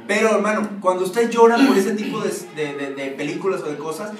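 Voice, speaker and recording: A man's voice: high-pitched, brisk. A male pastor preaching a sermon, often asking his congregation questions. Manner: asks the congregation frequent questions. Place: church hall. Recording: echoey room from far off, noisy.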